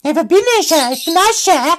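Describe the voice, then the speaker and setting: A woman's voice: very high-pitched, animated, a little fast, pitched above the performer's own voice. A woman voicing a rude, quarrelsome teenage girl who talks in brash street slang in a comic fairy tale parody. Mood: mouthy.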